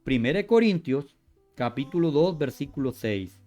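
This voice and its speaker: High-voiced man teaching word meanings. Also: animated, normal speed, dark tone, faint music behind. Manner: repeats words and corrects himself often; spells out word meanings in lists. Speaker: Bible teacher. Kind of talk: teaching from scripture.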